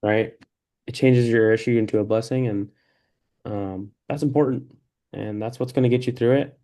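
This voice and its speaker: A man with a mellow, darker tone guides a practice mentoring talk grounded in faith. He sounds easygoing and encouraging, and his speech is loose and full of fillers. His pitch sits in an ordinary middle range. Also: steady tone, normal speed. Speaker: peer mentor in a practice session. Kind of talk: faith-based mentoring conversation.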